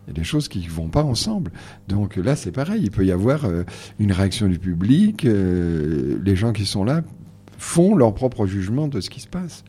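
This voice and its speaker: A man's voice: on the low side, very animated, normal speed, warm tone, breathy edge. A man as a guest on a radio conversation, hesitant and restarting often as he explains his reading events. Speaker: guest, organizer of book readings.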